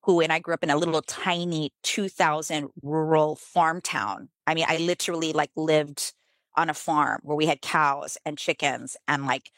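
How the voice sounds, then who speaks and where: The middle-aged American author of business books speaks at a moderate pace in a casual interview, with no echo on the audio. She fills her speech with "like," sounds animated, and her pitch jumps up suddenly when she stresses a point.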